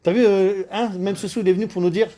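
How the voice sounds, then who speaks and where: Man excitable, high-pitched and fast. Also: slight background noise. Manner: excitable, boastful, rambling. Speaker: car detailer. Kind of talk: casual chat while working.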